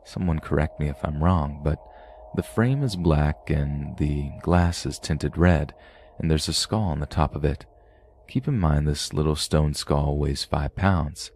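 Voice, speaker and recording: A man with an exceptionally deep, dark-toned voice reads spooky stories aloud as a podcast host. He keeps a steady, measured storytelling pace throughout. Faint room ambience sits under his voice. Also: a little hiss or hum. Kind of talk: reading paranormal stories aloud.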